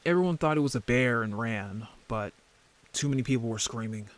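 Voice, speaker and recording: Earnestly recounting what happened, a man plays a defensive, easily embarrassed younger werewolf brother who's been injured, talking casually and haltingly in an audio drama roleplay. He uses a natural, medium-pitched voice.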